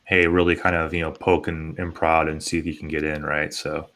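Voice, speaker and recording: American male podcast host, very low voice, little pitch movement, loose rambling chat. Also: level tone, a little fast, a bit bright. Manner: rambling, peppered with conversational tags. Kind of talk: casual panel discussion.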